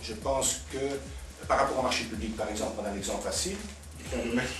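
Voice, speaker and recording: A man's steady, mid-range voice moves at a quick pace as he improvises argued commentary in a political round-table debate where he is the invited expert. He lays out points like a teacher and repeats words to stress them. Music sounds in the background of the roomy indoor cafeteria, picked up from afar in an echoing space.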